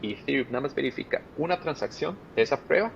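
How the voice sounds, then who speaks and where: A man's voice: lively intonation, fast, creaky. Costa Rican man explaining on a call. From Costa Rica. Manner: explains step by step with plain examples. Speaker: guest, project manager. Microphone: video call. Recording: muffled call audio with faint rumble.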